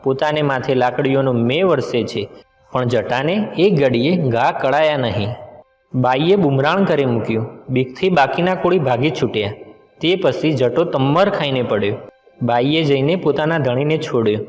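A man's voice: mid-range voice, animated, normal speed. Man telling a folk tale, echoey. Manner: dramatic storytelling with voiced exclamations. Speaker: storyteller. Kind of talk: narrated folk tale reading. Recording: echoey reverberant room with music behind.

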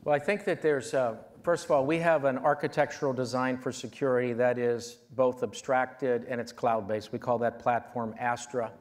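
A man in his fifties, a keynote speaker, answering audience questions with measured confidence and frequent fillers on a large conference stage, on a lapel mic. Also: mid-range voice, steady tone.

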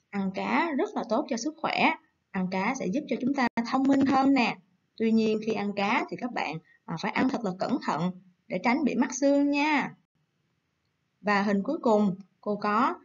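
A woman teacher giving a recorded lesson to young children, coaxing and gentle, slowing down to read words aloud. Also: on the high side, lo-fi sound. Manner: gentle, coaxing, slow syllable-by-syllable dictation. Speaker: primary school teacher.

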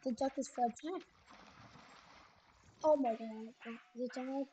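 A woman's voice: high-pitched, measured pace, mellow, slight background noise. A woman casually chatting and reacting to funny videos on an online call.

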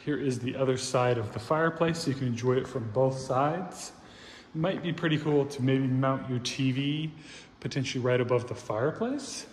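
An estate agent strolls through a large, empty house for sale indoors, casually and upbeatly highlighting its features. His voice is medium in pitch at a normal speed, recorded in echoey empty rooms with faint room noise.

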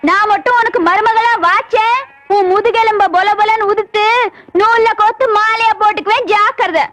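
Fierce old grandmother, shrill and threatening, on a noisy old film track. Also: fairly even intonation, normal speed. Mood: scolding. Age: older. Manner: threatening, scolding. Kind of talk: film comedy dialogue.

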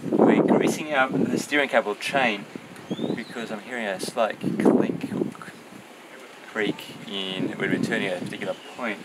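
A man's voice: lowish voice, fairly even intonation, normal speed, heavy background noise. A man in his forties on a sailboat deck, explaining a maintenance job in a matter-of-fact way. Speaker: sailing vlogger. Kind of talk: casual vlog narration.

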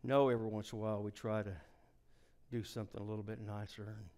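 A middle-aged man preaching a revival sermon, telling folksy stories and swinging from hushed near-whispers to shouted climaxes. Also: fairly low pitch, little pitch movement, quick pace, gravelly.

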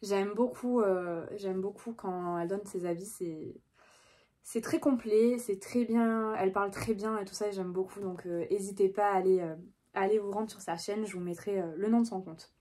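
A young woman with a husky, slightly breathy voice talks through her book haul in a relaxed vlog. She chats in a hesitant way, full of small fillers and restarts. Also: medium pitch, moderate pace. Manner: chatty, hesitant with many fillers. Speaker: book vlogger. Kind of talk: casual book haul chat.

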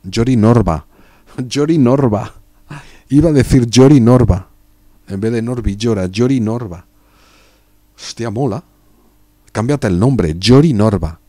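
A man's voice: on the low side, unhurried, long pauses, mellow, dry recording. A young man with a Spain Spanish accent, chatting casually and joking with his chat while streaming a strategy game. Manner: joking, chatty, reads chat aloud and riffs on it.

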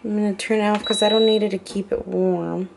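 A woman's voice: mid-range voice, steady tone, brisk, gravelly, noisy background. A woman talking casually through her meal prep in a home kitchen, chatty and a little hesitant, often correcting herself. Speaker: vlogger.

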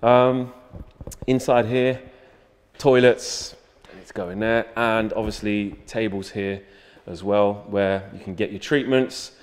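A man's voice: on the low side, fairly even intonation, takes it slowly, clean tone, long reverb tail. Guy in his 30s joking around on a dressing room tour, handheld mic. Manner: chatty, joking tour guide. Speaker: fan channel host. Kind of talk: casual walkthrough vlog. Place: empty stadium dressing room and corridor, indoors.

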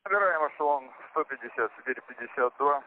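A man's voice: medium pitch, lively intonation, brisk. A man working as an airline pilot, reading back instructions with his call sign in clipped radio phraseology over a cockpit radio transmission. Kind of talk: air traffic radio exchange. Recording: tinny radio channel with faint static.

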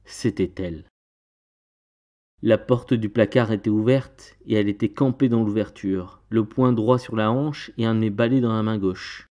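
A man narrating a storybook tale in the first person, with an expressive, theatrical delivery. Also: on the low side, normal speed. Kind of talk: storybook narration read aloud.

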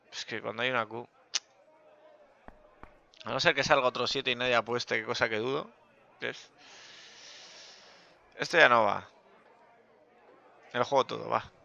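Man, poker gameplay commentary, self-mocking, gravelly voice, slightly muffled recording. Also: mid-range voice, takes it slowly, pauses often. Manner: joking, self-mocking, bursts of loud excitement. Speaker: gaming youtuber.

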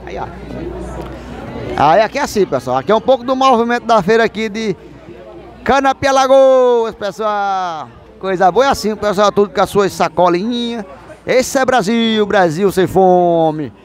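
A man vlogs through a busy open-air street market, his voice sitting high. He talks in a lively, chatty way, greeting sellers loudly. The handheld phone catches the soft chatter of the crowd around him. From Northeast Brazil. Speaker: vlogger host. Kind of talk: casual market street vlog. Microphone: handheld phone camera.

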